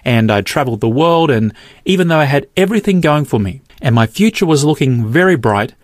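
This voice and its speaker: A middle-aged man narrating his own podcast in a measured, earnest storytelling manner. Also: medium pitch, lively intonation, no room sound, studio quality. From Australia. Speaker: podcast host. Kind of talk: scripted narration.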